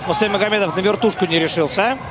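A man's voice: high-pitched, quick pace, background noise. A man calling a fight live as a play-by-play sports commentator. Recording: loud arena crowd, music behind.

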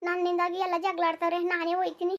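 A woman's voice: very high voice, monotone, quick pace, a bit bright, muffled recording. A woman voicing a meek, apologetic young village bride in a cartoon. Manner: humble, apologetic.

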